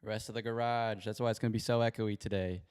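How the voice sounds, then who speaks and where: In an echoey home garage, a man runs a casual sports livestream through a spare handheld mic, rambling and apologizing as he goes. His voice is lowish, steady, smooth and somewhat dark, and he talks quickly.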